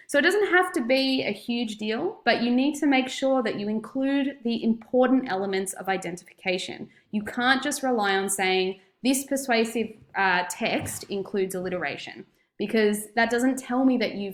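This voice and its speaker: An Australian woman giving a recorded lesson as a teacher, explaining instructively and stressing key points. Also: mid-range voice. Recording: roomy, echoey voice recording.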